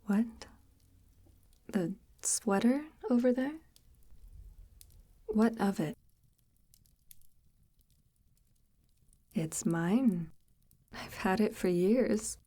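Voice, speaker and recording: In a slow, intimate ASMR roleplay monologue, a woman plays a sinister forest witch who is calmly menacing, devout and condescendingly tender. Her mid-range voice is soft, breathy and half-whispered, stern and controlled, with a formal, measured, deliberate and gently patronizing manner. There is no echo.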